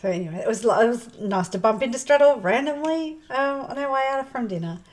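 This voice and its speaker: A woman's voice: on the high side, animated, fairly quick. A woman co-hosting a casual gaming podcast, telling stories in a chatty, laughing way. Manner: chatty storytelling with laughs and fillers. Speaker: podcast co-host.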